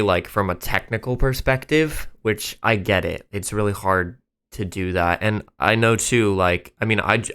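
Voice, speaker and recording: A man's voice: fairly low pitch, a bit bright, smooth. A man hosting a reaction channel, talking casually and enthusiastically about songs as he thinks aloud.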